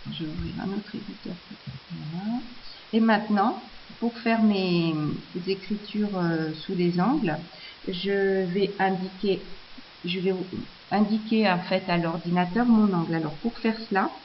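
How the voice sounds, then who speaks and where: A woman talks through a screencast tutorial at a mid pitch, pausing often on fillers and restarting her sentences. The recording sounds a little dull and lo-fi, with a faint hiss underneath. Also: steady tone. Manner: hesitant, many fillers and restarts.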